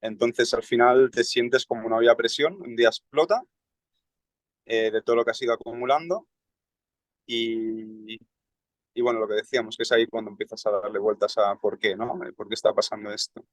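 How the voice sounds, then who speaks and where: A man's voice: medium pitch, steady tone, moderate pace, no room sound, poor audio. A man, a guest in a casual conversation, talking in a reflective way and thinking aloud.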